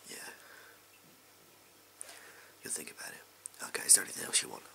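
A man's voice: moderate pace, sharp tone. A young English man in a whispered role-play, playing a shady, amoral backstreet gun dealer with furtive, clipped, offhand sleazy salesman patter. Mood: furtive, selling. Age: young adult. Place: small indoor room at home. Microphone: close to the camera.

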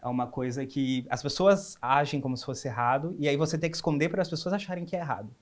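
A young man in his twenties with a Brazilian Portuguese accent, speaking as an interview guest. His voice sits at an ordinary middle pitch. He tells his story openly and earnestly, often stopping and restarting. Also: quick pace. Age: 20s. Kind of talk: candid personal interview.

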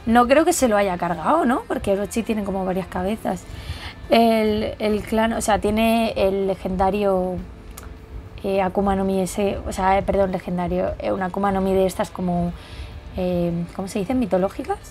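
A young woman, reading a manga chapter aloud and reacting with excited exclamations. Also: mid-range voice, slight background noise. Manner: excitable, exclamatory, quick to gasp and laugh.

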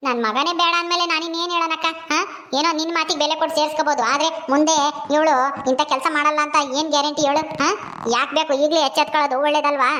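A village mother-in-law gives in to her son's decision, resigned but firm, as a woman puts her on. Her voice is very high and her delivery is quick. It plays as a village family drama. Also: steady tone, fairly bright tone. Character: mother-in-law who defers to her son.

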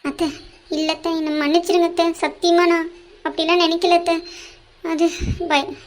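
Woman doing a scared young niece in a cartoon, stammers and begs, high and quick. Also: flat delivery, a little mellow, a little hiss or hum. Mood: nervous pleading. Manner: stammering, pleading. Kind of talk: cartoon voice acting.

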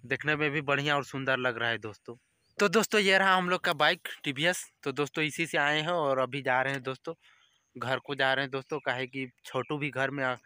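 Holding his phone at arm's length, a young man narrates a casual village vlog outdoors in open farm fields, chatting away and addressing viewers as friends. His voice is mid-range, pushed and bright, with no room sound.

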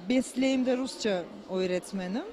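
A woman answers an interviewer in halting, broken Turkish, speaking into a handheld microphone. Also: on the high side, darkish tone. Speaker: association president, Russian teacher. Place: indoor event venue. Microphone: handheld reporter microphone.

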